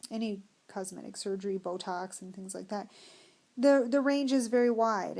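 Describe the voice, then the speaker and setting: A woman's voice: medium pitch, darkish tone. Candid American woman vlogging casually. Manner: candid, self-deprecating, hesitant pauses mid-thought. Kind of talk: casual personal vlog, talking through questions.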